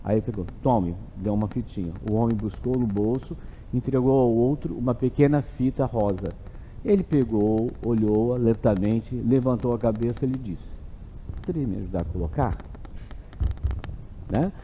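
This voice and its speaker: A man's voice: mid-range voice, normal speed, warm tone, slight background noise. A male gynecologist giving a health talk to an audience at an event, conversational and often checking in with "né?". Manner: conversational, keeps adding "né?" and "tá?". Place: event hall. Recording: long hall reverb.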